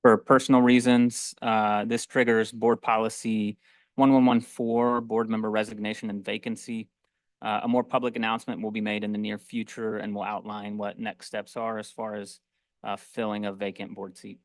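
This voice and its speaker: Low, flat-voiced man chairing a meeting. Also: normal speed, no echo. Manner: formal, with frequent filler "uh". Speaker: school board president.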